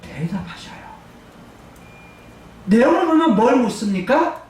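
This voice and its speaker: A woman's voice: on the high side, very animated, darkish tone. A woman pastor preaching a sermon, drawing out emphatic phrases and calling for answers from the congregation. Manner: call-and-response with congregation, drawn-out emphatic phrases. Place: church sanctuary. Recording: very echoey church hall, distant mic, faint room noise.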